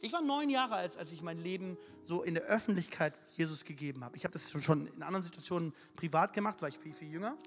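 A man's voice: fairly high pitch, expressive, fast talker, hardly any pauses. A man preaching a sermon, telling a story in an emphatic, colloquial way. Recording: echoey hall, faint music.

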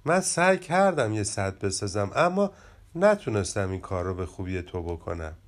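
A man voicing an eager young rabbit child in a children's storybook, in a lively reading voice. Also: lowish voice, voice pushed down.

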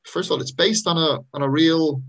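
A man's voice: a little high, a little fast, fairly bright tone. A man interviewing someone in a casual, conversational style.

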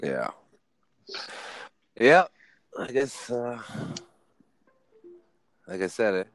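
A man's voice: mid-range voice, big pitch swings, drawn-out words, a bit bright, no echo, poor audio. A man in his forties hosting a casual podcast chat, laid-back and teasing, laughing often. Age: 40s.

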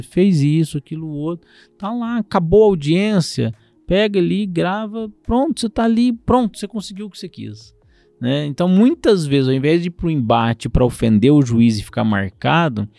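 Brazilian lawyer, animated talk, high-ish voice, dry mic. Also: male voice, vocal fry, no room sound. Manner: animated, acts out courtroom exchanges. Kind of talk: conversational podcast interview.

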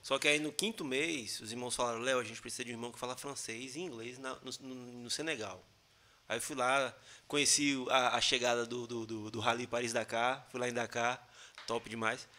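Man, quick talker, bright tone, animated storyteller, casual podcast chat. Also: mid-range voice. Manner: animated storyteller, laughs often, acts out quoted lines. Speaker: guest.

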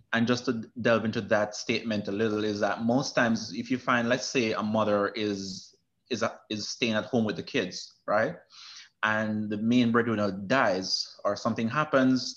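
A Jamaican retirement specialist speaks casually as an interview guest, his Jamaican accent clear. He sounds hesitant, often restarting sentences and using fillers, in a lowish, slightly bright voice on a muffled recording.

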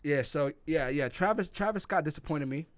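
A man's voice: a little high, normal speed, dry recording. Brash opinionated man, dry close sound. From New York City. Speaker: podcast co-host. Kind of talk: casual podcast chat.

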